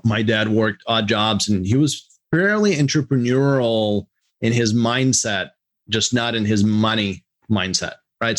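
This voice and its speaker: Middle-aged man from Russia, podcast guest, halting, restarts sentences, mid-pitched voice. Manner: halting, restarts, animated bursts. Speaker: podcast guest, executive coach. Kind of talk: casual interview answers.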